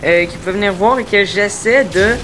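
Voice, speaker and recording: A man's voice: high voice, normal speed, background noise. A man from Quebec with a Québécois accent, introducing his gaming channel hesitantly, with many filler sounds, while trying to articulate carefully. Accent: Québécois French. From Quebec, Canada. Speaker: gaming YouTuber. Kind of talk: casual channel introduction over gameplay.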